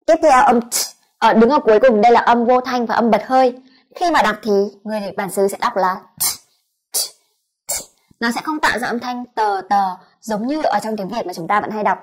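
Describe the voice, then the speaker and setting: Higher-pitched woman teaching pronunciation. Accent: Vietnamese. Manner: demonstrates sounds slowly, repeating each one. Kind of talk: explanatory lesson.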